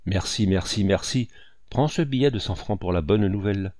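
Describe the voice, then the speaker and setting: A man's voice: on the low side, normal speed, a little mellow, no room sound, studio quality, lightly acted. A man reading an audiobook and voicing an impulsive, effusive old colonel with emphatic exclamations. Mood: eager.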